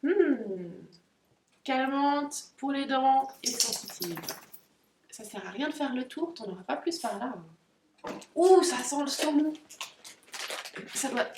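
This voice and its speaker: A young woman vlogging an unboxing of dog toys in a casual, excitable, giggly way, breaking off to talk to her dogs. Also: high voice, a little slow, background noise. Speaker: pet vlogger. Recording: roomy, distant camera audio.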